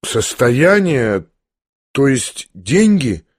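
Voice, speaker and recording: A man voicing a gentle, timid young prince who speaks softly and haltingly. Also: medium pitch, sing-song, slightly rough, no room sound, studio quality, heavily acted. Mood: tender. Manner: soft, hesitant, halting.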